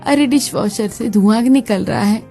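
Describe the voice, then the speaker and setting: A woman's voice: on the high side, unhurried, vocal fry, warm tone, faint music behind. A woman voicing a lazy, mocking elder sister-in-law in a cartoon, with a smug, teasing tone.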